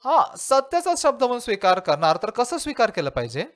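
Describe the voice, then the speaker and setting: A man's voice: extremely high pitch, huge pitch swings, brisk, a bit bright. A male pastor preaching a sermon and asking his listeners rhetorical questions.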